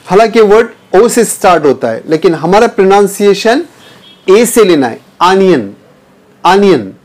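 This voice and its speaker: Guy teaching english words, fairly high voice, says each word slow and twice. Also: darkish tone. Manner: drills each word slowly, repeating it; addresses viewers as dear students. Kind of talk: pronunciation lesson.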